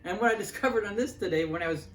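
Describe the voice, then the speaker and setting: A man's voice: high voice, racing, reverberant. A man hosting a casual home cooking show, chatting about breakfast toast with a playful, joking manner. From Midwest US. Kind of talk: casual food show chat.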